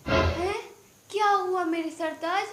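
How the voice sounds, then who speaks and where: A woman's voice: very high-pitched, fairly even intonation, slow pace, heavily acted. A woman playing an anxious, feverish old wife. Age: older. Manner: anxious and tender. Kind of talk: melodramatic audio drama. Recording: very echoey, distant voice under loud music.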